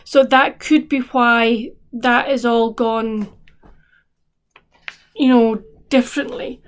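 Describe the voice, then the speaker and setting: A woman with a fairly high voice talks casually to her viewers as a book vlogger. She rambles along with many restarts and fillers. She sounds a bit tired. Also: fairly even intonation, slow, clear, resonant tone. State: tired, yawning. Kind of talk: casual chat to camera.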